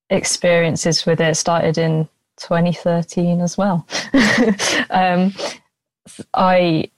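A woman's voice: on the low side, dry recording. A woman in her twenties giving a casual personal account as a music student. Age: 20s.

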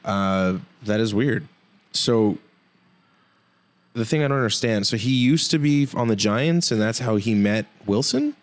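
A man co-hosting a casual hockey podcast, joking and rambling with quick asides. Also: lowish voice. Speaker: podcast co-host.

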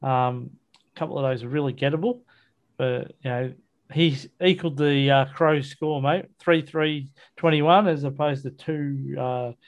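A man with an Australian accent and an average-pitched voice chats casually about sport as a podcast host. His delivery is blokey and colloquial, like talk between mates. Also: normal speed. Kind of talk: casual football chat, match review.

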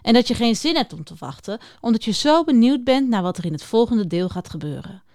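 A woman's voice: a little high, very animated, fairly quick, darkish tone, no room sound, clean studio sound. A woman presenting a children's book series in a scripted talk, speaking directly to young listeners in a friendly way. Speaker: reader introducing a children's book.

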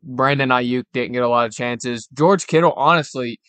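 A man's voice: medium pitch, moderate pace, fairly bright tone, dry recording. A young man co-hosting a casual sports podcast, analysing the game and often saying "like" and "literally". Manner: analytical, peppers talk with "like" and "literally". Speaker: podcast co-host.

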